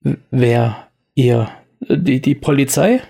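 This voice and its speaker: A man's voice: mid-range voice, takes it slowly, gravelly, warm tone, slightly rough, full character voice. A man voicing a nervous, stammering male bar owner, pleading and anxious.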